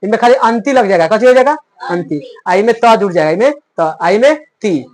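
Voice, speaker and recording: Here a male Sanskrit tutor sounds expressive and brisk, his voice sitting high. He explains grammar in plain, rustic talk, and his drill is a constant pattern of asking a question and answering it himself.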